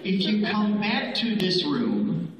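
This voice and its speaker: A man working as a stage hypnotist, giving slow, repetitive suggestions to volunteers in a school gym, sometimes shouting playful lines for them to repeat. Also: high-pitched, very animated. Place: school gym with a live audience. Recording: distant echoey gym recording, muffled, with a loud crowd.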